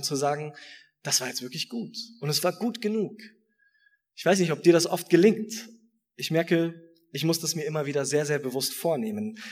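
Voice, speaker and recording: A man giving a sermon in a relaxed, conversational way that turns reflective. His voice is a bit husky and sits slightly higher than usual. He stresses his points by repeating phrases. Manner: reflective, conversational preaching with emphatic repetition. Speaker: preacher.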